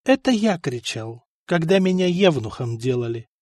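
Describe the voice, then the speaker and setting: Male narrator doing a calm, earnest young Slavic seeker, pitched high and lively in the voice, dry close sound. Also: normal speed, dry recording. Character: young Slavic man, calm, searching for his brother.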